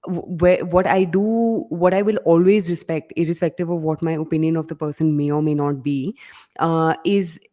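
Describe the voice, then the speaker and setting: Animated Indian woman podcast host, mellow tone. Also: deep voice, normal speed. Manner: animated, emphatic, filler-heavy. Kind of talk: casual business news chat.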